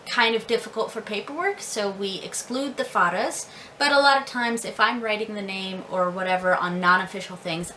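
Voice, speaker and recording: A woman's voice: medium pitch, pushed and bright, a little hiss or hum, rough recording. An American woman learning Irish, talking casually to camera about names, laughing often and repeating words carefully. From United States. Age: adult with several children. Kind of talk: casual video lesson.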